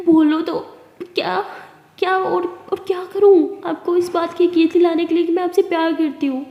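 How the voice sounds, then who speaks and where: A woman's voice: very high-pitched, steady tone, moderate pace, lo-fi sound, pitched above the performer's own voice. A woman voicing a lovesick, apologetic young woman who pleads through tears. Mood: pleading. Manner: pleading, tearful. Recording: roomy reverberant room.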